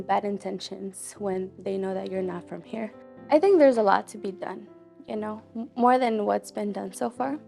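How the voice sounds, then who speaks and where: Young female college student born in Mexico, raspy low fry at phrase ends, casual earnest testimony, faint music underneath. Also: darkish tone. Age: young adult. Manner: casual, lots of "like" fillers, earnest. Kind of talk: personal testimony.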